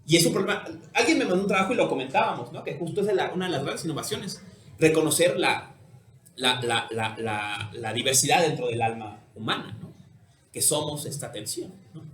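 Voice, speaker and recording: A man with a Mexican Spanish accent giving a philosophy lecture in an animated way, ending many phrases with tag questions. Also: fairly high pitch, brisk. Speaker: philosophy teacher. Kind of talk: university lecture. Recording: echoey room with faint noise.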